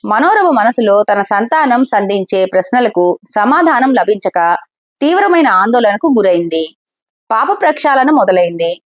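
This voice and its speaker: A woman storyteller reads a scripted story aloud, steady and expressive. Her voice sits a little high for a woman. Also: measured pace.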